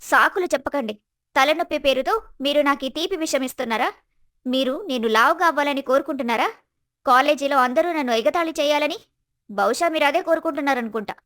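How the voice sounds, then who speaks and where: A woman voicing a spoiled, haughty young college woman who whines and scolds, in an animated story. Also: fairly quick, no room sound, clean studio sound. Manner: whiny, shrill, haughty.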